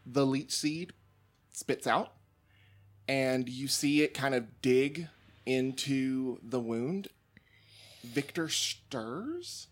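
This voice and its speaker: Slow, measured man narrating a game. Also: mid-range voice. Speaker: game master.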